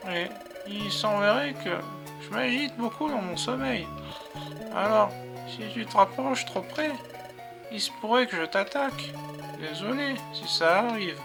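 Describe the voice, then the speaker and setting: Man doing a drowsy high little Pokémon. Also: gravelly, exaggerated voice. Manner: drowsy, slow and soft-spoken. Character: sleepy young legendary wish-granting Pokémon.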